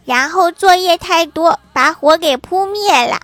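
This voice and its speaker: Brief: a woman playing a high, squeaky little schoolgirl, cheeky and sulky, who talks back indignantly in a comic story. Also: lively intonation, normal speed, a bit bright.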